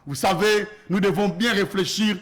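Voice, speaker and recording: High-voiced Congolese preacher. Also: male voice, fairly even intonation, moderate pace, a bit bright. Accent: Congolese French. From Congo (DRC). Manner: earnest preaching, grows emphatic, mixes in Lingala phrases. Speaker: prophet and preacher. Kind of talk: sermon.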